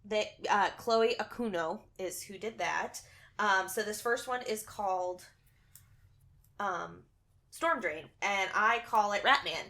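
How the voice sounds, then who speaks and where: A woman's voice: mid-range voice, slow, sharp tone. Chatty young woman reviewing films. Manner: rambling, heavy on 'um' and 'like'. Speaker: podcast co-host. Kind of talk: casual film review chat.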